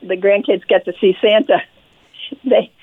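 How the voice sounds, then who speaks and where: Heard over a dry, tinny phone line with no room sound, a friendly older Maine woman who heads a nonprofit chats as a radio interview guest. Her medium-pitched, slightly rough voice stays fairly even and unhurried, and she often repeats words and says "yep."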